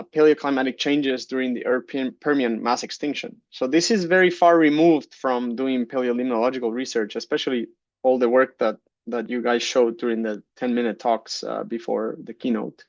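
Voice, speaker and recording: A man in his thirties from Guatemala, giving a conference keynote talk, relaxed, with many fillers and restarts. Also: medium pitch, no echo, muffled recording. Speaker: keynote speaker, geologist. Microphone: computer mic on a video call.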